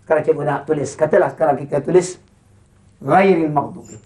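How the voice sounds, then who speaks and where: A Quran recitation teacher with a Malaysian Malay accent, chanting slow model verses and then quickly explaining and quizzing pupils. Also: medium pitch, warm tone. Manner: quizzing pupils with short questions. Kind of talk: classroom lesson with call-and-response.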